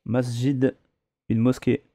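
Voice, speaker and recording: A man's voice: mid-range voice, little pitch movement, slow pace, dark tone, dry recording. A man teaching a reading lesson, spelling words out syllable by syllable and patiently correcting their pronunciation. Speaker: Arabic teacher.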